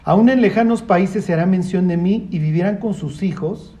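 A man leads a relaxed Bible study. His voice sits high yet sounds warm and soft-edged. He keeps throwing rhetorical questions at the group. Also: moderate pace. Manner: lively, asks rhetorical questions, acts out voices. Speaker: Bible teacher. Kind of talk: conversational Bible study teaching.

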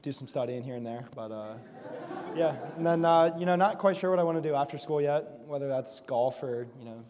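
A man's voice: on the high side, fairly quick, a little mellow, some chatter behind. Laid-back young man with fillers. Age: young adult. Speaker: graduating student. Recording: long hall reverb with faint noise.

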